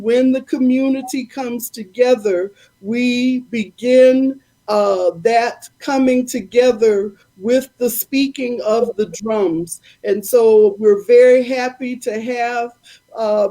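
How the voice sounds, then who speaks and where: A woman's voice: a little high, mellow, low-quality recording. Woman host introducing a community event. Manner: measured, with frequent filler pauses.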